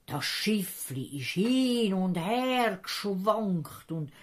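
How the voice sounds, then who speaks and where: Slow, expressive Swiss storyteller woman. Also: mid-range voice, breathy edge. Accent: Swiss German. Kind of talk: children's Bible story narration.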